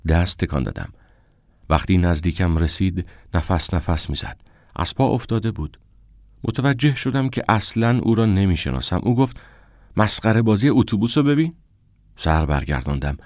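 Deep-voiced man reading an audiobook. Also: animated, no echo, studio quality. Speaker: audiobook narrator. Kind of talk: scripted first-person narration.

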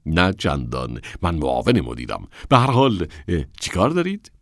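Man playing an easygoing male assistant manager, very deep voice, offhand. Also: huge pitch swings, fairly bright tone, dry recording, studio quality, heavily acted. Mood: casual.

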